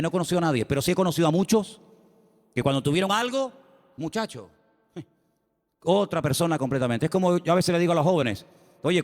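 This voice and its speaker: A man preaching a sermon as pastor, telling the story dramatically with folksy humorous asides. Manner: dramatic storytelling with shifting pitch and loudness. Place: church hall. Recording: long hall reverb.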